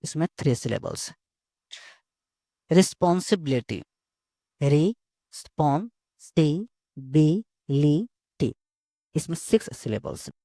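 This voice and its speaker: A male teacher explains slowly and steadily, often going back over the same words. His voice sits a little high for a man yet sounds dark and gravelly. It is recorded close up and dry. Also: sing-song, no echo. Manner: slow, repeats words and phrases while explaining. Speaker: English teacher. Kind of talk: bilingual lesson explanation.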